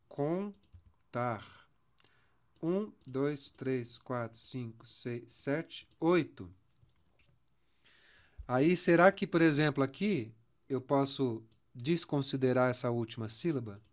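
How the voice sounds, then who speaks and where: Slow-spoken Brazilian man teaching songwriting. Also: mid-range voice. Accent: Brazilian Portuguese. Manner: slow, counts syllables aloud, stretches words. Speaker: music teacher. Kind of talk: songwriting lesson.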